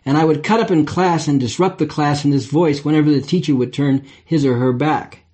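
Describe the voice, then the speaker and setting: Older man, slightly higher voice, wry and reflective memoir reader. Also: brisk, warm tone, husky. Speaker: memoir narrator. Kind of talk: audiobook memoir reading.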